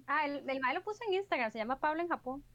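A woman chatting casually among friends, her voice pitched a little high. She tells her stories in a relaxed, easygoing way. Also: fast. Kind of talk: casual group chat.

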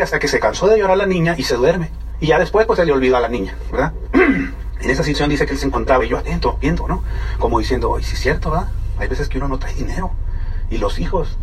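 A man with a Mexican accent gives a testimony, telling an audience his story conversationally and frequently asking them questions. His voice is fairly high and husky, and he sounds far from the mic.

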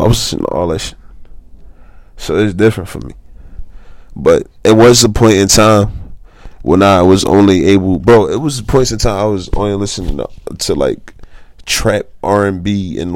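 A man's voice: deep voice, darkish tone, no echo. Laid-back man rambling in casual chat. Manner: laid-back, rambling storytelling with lots of fillers. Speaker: podcast co-host.

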